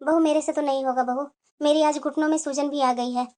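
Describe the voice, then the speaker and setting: A woman plays an elderly mother-in-law in a cartoon story, stern with her son and protective of her daughter-in-law. She scolds in a very high, thin voice. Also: fairly even intonation, brisk, dark tone, lightly acted. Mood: firm. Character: caring older mother-in-law with sore knees.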